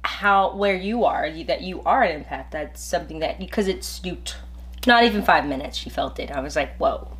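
A woman co-hosting a podcast, relaxed and giggly, with many affirming fillers. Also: low-pitched, normal speed. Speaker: podcast co-host. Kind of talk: casual chat.

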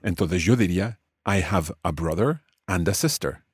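In a deep, husky, expressive voice, a man patiently teaches English family words, repeating each one for his student at an unhurried pace. The language lesson is recorded with studio quality and no echo.

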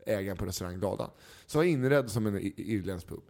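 A man's voice: lowish voice, vocal fry. A man in casual chat, telling a story and acting out the people in it with changing voices. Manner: animated anecdote teller, acts out quoted people.

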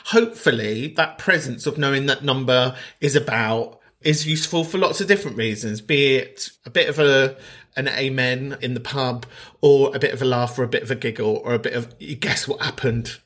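A man's voice: medium pitch, moderate pace, fairly bright tone. A man from Donegal, hosting a podcast in a camp, sweary, mock-indignant, casual comic chat. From County Donegal, Ireland. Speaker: podcast host.

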